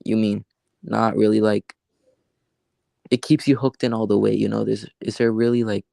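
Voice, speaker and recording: A man hosts a casual livestream, thinking out loud in halting, restart-filled sentences. His voice is low and gravelly, and the sound is dry and close. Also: flat delivery, no echo. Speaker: livestream host.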